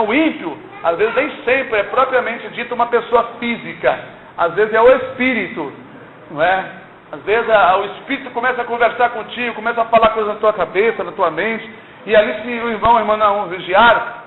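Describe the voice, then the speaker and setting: An older man giving an earnest, exhorting church testimony, often asking "não é?". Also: sits high. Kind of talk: sermon-like testimony. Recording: tinny lo-fi recording in echoey room, faint hiss.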